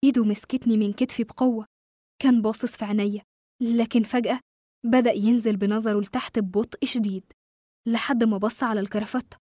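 A woman with an Egyptian Arabic accent narrates a horror story with steady, suspenseful pacing. Her voice is mellow and warm in tone, a touch higher than most, and the recording is dry and close. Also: quick pace, dry recording.

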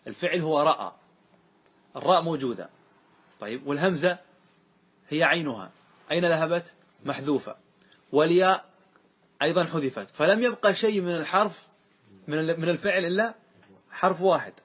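A man teaching a grammar lesson. His voice is a little high and husky. He asks questions and keeps checking that his students are following. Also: fairly quick, pauses often, fairly bright tone. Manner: questioning, checks understanding often.

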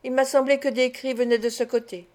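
A woman's voice: high voice, little pitch movement, a little fast, darkish tone, close to an everyday voice. A woman voicing an earnest, urgent male sailor in a read-aloud story. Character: male sailor, determined rescue leader.

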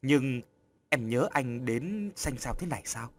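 A slick, charming man coaxes and soothes with easy words, played by the male narrator. His voice stays near a medium male pitch with lively rises and falls. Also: moderate pace, a little hiss or hum. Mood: tender. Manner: smooth, coaxing. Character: smooth-talking charming man, a deceiver. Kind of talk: audiobook character voice.

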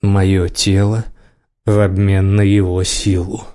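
A cold, composed sorcerer speaks in a deep, level voice, slow and measured, performed by a male reader. He never rushes, every word flat and controlled. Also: clean tone. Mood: cold calm. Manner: even, measured, unhurried.

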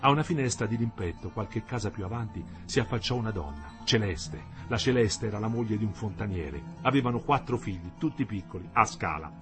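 A man narrating a novel aloud in a steady literary reading, voicing the dialogue as he goes. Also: on the low side, a little fast, hardly any pauses, music in the background.

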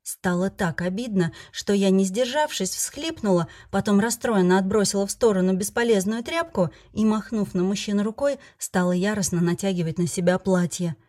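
A woman's voice: mid-range voice, normal speed, few pauses, darkish tone. Woman narrating a first-person novel. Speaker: audiobook narrator.

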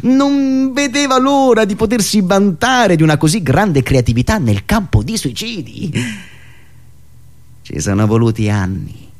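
A man whose speech sounds emotionally touched delivers a theatrical, satirical political monologue, sardonic and rhetorical, with deliberate pauses and repetitions. His voice is high-pitched and animated; he is a satirical monologist and radio show host.

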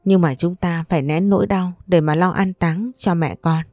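Woman narrating a sad family story, mellow and low. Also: steady tone, moderate pace, no room sound, clean studio sound. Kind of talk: storytelling narration with acted dialogue.

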